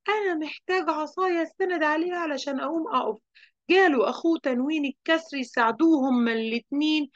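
A woman with an Egyptian Arabic accent, a teacher telling a story to children in a lively way and asking them questions. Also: a little high, dry recording, dull audio.

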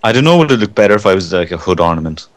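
A man's voice: low-pitched, very animated, very fast, very noisy. A man making wry, offhand remarks while playing a multiplayer game. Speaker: gamer. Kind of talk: casual multiplayer gaming chat.

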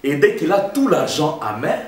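Animated French-speaking preacher in an echoey hall. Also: male voice, fairly high pitch, moderate pace. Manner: emphatic preaching, addresses congregation as brothers. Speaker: pastor. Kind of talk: sermon. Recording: roomy echo, heard from a distance.

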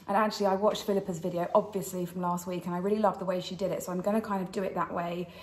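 A woman's voice: fairly low pitch, flat delivery, very fast, a little mellow. British woman wearing retainers, echoey room. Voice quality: slight impediment from wearing dental retainers. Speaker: fashion channel host. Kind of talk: chatty styling vlog. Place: indoors in a kitchen. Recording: roomy kitchen echo.

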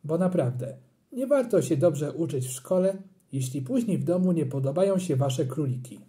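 An audiobook reader telling a children's story with animated, playful expression. The voice is dark and mellow, and the pitch rises and falls freely. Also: normal speed.

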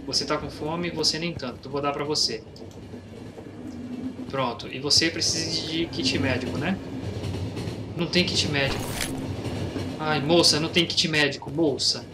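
A young Brazilian man commenting casually on a game he plays, reading its lines aloud and shouting in fights. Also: a little high, moderate pace, pauses often. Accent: Brazilian Portuguese. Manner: casual slangy, reads game dialogue aloud, excitable during fights. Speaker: gameplay youtuber. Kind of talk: let's play commentary. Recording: game noise behind voice. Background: train and game sounds.

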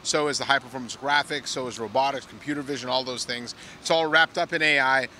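Bright, measured middle-aged male analyst. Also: mid-range voice, steady tone, slight background noise. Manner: measured, explanatory, some filler "uh"s. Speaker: industry analyst guest. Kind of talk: on-site analysis chat. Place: outdoor plaza at a conference. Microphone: handheld.

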